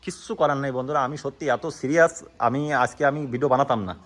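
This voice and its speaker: Fast, bright-voiced scolding man. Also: medium pitch. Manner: scolding, shouting, stammering in anger. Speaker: vlogger, channel host. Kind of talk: staged domestic quarrel vlog.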